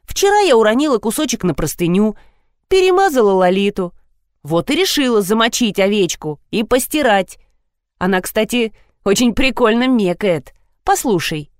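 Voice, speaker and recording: A woman's voice: medium pitch, animated, normal speed, no room sound, studio quality, close to an everyday voice. A woman reading a story, voicing a touchy, dramatic teenage girl who whines and sulks. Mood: calm. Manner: whiny, dramatic.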